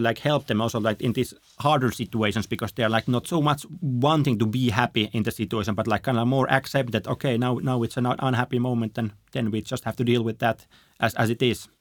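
A man from Finland speaks as an interview guest, explaining findings in a halting way full of fillers and restarts. His voice sits at a middle pitch, and the recording is dry and close, with no room sound. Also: no room sound. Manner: hesitant, many fillers and restarts. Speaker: guest, happiness researcher. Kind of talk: conversational interview.

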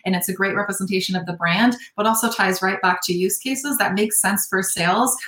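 A young adult woman who works as a sales operations analyst is a guest on a podcast, thoughtfully explaining her work in a casual interview with frequent fillers. Her medium-pitched voice has a sharp tone and sounds reverberant.

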